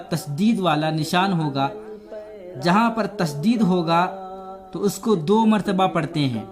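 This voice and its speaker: A man teaching a tajweed lesson step by step, patiently repeating each point and spelling out letters. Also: high-pitched. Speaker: Quran recitation teacher.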